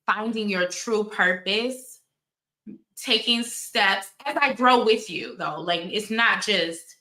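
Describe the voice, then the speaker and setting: Here a channel host in her forties slowly spins stories full of tangents, chatting frankly in a casual commentary style. Her medium-pitched voice sounds bright and forceful, though the recording is rough and echoes noticeably.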